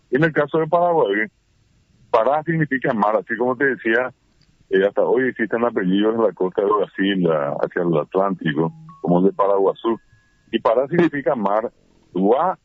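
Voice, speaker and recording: Calling in from home during heavy rain, a Guarani scholar appears as a radio interview guest and explains things at length, full of fillers and restarts. His voice is lowish, with no room sound, but it comes through a tinny phone line.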